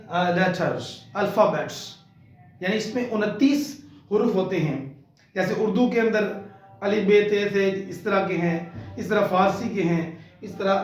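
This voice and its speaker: A man giving a Quran recitation lesson, talking slowly and haltingly with many fillers, switching between English and Urdu. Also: sits high. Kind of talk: slow spoken lesson. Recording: echoey room, distant mic.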